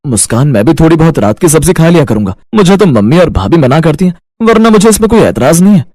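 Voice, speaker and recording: A man voicing a supportive young husband in a cartoon, friendly and relaxed. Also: fairly high pitch, quick pace. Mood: agreeable.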